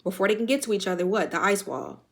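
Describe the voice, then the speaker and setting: A young adult woman running through a tarot reading at a quick clip, her voice sitting at an ordinary middle pitch. She talks in a loose, slangy way, swears often and speaks directly to the people watching. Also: animated. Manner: chatty, slangy and profane, addresses viewers directly. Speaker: tarot reader. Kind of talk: casual spiritual reading.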